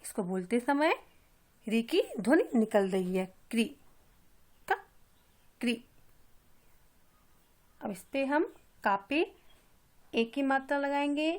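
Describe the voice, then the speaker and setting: A woman teaching a kindergarten class in a slow, patient way, taking each sound one step at a time. Her voice sits fairly high, and she stretches out syllables so young learners can follow along. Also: expressive, darkish tone. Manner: patient and repetitive, drawing out sounds for children. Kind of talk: slow step-by-step Hindi lesson for young children.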